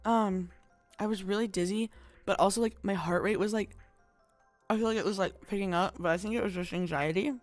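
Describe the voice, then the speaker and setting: Young woman VTuber, mid-pitched, dry close mic, faint music under her, rambling chat full of fillers. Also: steady tone, a little fast, no echo. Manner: rambling, chatty, lots of fillers. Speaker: VTuber streamer. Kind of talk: casual chat stream.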